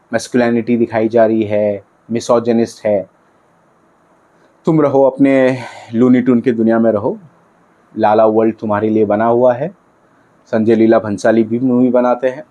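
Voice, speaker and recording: A man's voice: medium pitch, mellow, highs cut off. A man giving blunt, opinionated film commentary, arguing his points and asking rhetorical questions.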